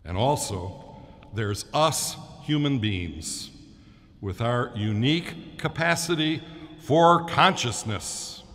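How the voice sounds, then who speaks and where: A man's voice: mid-range voice, lively intonation, a bit bright. Male preacher giving a formal homily, voice swooping up and down, big church echo. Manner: oratorical, deliberate, emphatic phrasing. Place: large church during Mass.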